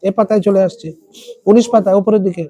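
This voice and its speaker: A tutor explaining an English text in Bengali, reading lines slowly and asking students word meanings. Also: female voice, mid-range voice, steady tone, dark tone. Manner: asks students questions and repeats word meanings. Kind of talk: classroom lesson explaining a text.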